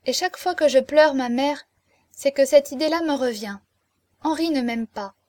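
A woman reading a novel aloud in the first person, with measured, expressive scripted narration. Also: sits high, dry recording, clean studio sound. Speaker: audiobook narrator.

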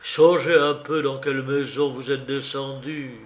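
Blustering drunk student, loud, roomy sound, read by a man. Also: mid-range voice, fairly even intonation, a little slow, natural voice. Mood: hushed urgent. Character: boisterous drunk young student. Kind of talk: audiobook character reading. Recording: roomy recording.

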